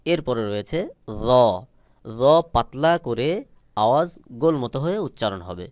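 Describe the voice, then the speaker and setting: A man's voice: medium pitch, expressive, moderate pace, darkish tone, no echo, clean studio sound. A man teaching Quran letter pronunciation, patiently repeating and stretching out each sound. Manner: patient, instructive. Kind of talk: slow step-by-step pronunciation lesson.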